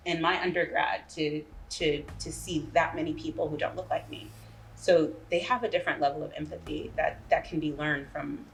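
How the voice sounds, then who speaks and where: On a low-quality recording with faint room noise in the background, a woman with a low-sitting voice answers interview questions as a guest playwright. She keeps things conversational and often checks in with the listener.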